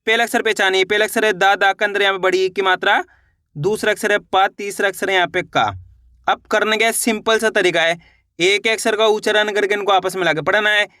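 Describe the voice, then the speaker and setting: A man with a high, bright voice gives a reading lesson in a dry, close recording. He talks patiently, repeats each step and draws out the vowel sounds. He greets his viewers as friends. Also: fairly even intonation, a little fast, no room sound. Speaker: Hindi reading teacher. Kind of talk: online classroom lesson.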